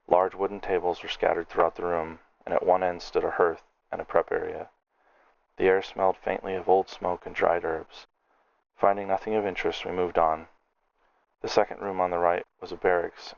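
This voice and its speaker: A man's voice: sits low, vocal fry, lo-fi sound. A man narrating a fantasy audiobook in the first person, reading steadily and descriptively.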